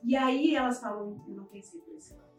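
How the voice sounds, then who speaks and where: On a podcast, a female guest briskly shares a personal story in a slightly high voice, vividly performing each person's lines. The recording sounds roomy, with a distant mic and soft music in the background.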